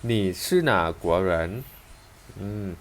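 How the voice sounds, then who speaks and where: A man's voice: low-pitched, big pitch swings, measured pace. A man with a Thai accent teaching a language lesson, patiently repeating and breaking down example sentences.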